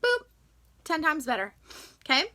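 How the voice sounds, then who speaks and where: Bright, high-voiced chatty woman. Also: lively intonation, a little slow. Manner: chatty, enthusiastic, lots of fillers. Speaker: vlogger sharing essential oil tips. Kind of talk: casual chat to camera.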